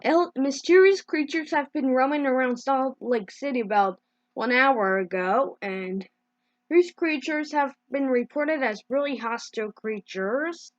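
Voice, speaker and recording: A woman with a high-pitched voice improvises mock emergency news bulletins as an amateur announcer, her delivery halting and broken by corrections mid-word. The recording is dry, with the highs cut off.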